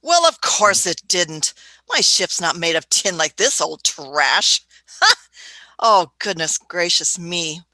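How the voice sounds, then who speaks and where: A woman's voice: fairly low pitch, expressive, slow, sharp tone, no echo, heavily acted. A woman voicing a fussy elderly Doctor who chuckles, hums and uses old-fashioned phrases in a radio play. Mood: testy. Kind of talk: amateur radio play acting.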